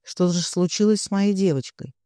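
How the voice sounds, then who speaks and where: A man reading an audiobook, voicing a distraught middle-aged mother who pleads and accuses in a shrill voice. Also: normal speed, dark tone, no echo, clean studio sound, natural voice. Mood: despairing.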